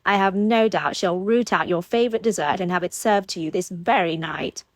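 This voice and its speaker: A woman voicing a playful, teasing young gentlewoman of the gentry, a bit higher than her narrating voice. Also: normal speed, no echo, lightly acted. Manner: lively, teasing.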